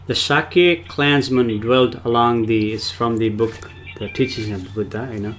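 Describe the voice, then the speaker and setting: A man's voice: mid-range voice, fairly even intonation, unhurried, a bit bright, soft background music. A man from Nepal, a spiritual teacher giving a rambling, casual livestream talk and often speaking of himself in the third person.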